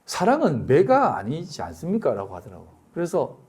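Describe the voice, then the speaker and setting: Middle-aged male pastor, husky tone, pitch swinging widely, storytelling sermon with acted quotes. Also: wildly swooping pitch, a little fast, darkish tone.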